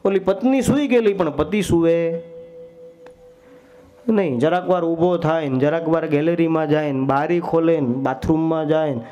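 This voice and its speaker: A young man telling a devotional story sermon, acting out the characters with sudden high, loud outbursts. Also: moderate pace, lo-fi sound. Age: young adult. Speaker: storyteller preacher.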